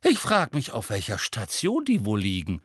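A man's voice: mid-range voice, expressive, measured pace, dry recording, studio quality, voice pushed up, close to an everyday voice. A man reading aloud, voicing a kindly middle-aged wizard father who talks hastily and evasively in a storybook. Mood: lively. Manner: raised, hasty when evading.

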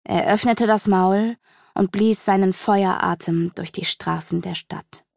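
A woman narrating a dark fantasy audiobook in a measured storytelling manner, slowing down for the tense moments. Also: mid-range voice, steady tone, vocal fry, no room sound, clean studio sound. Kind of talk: dramatic fantasy audiobook reading.

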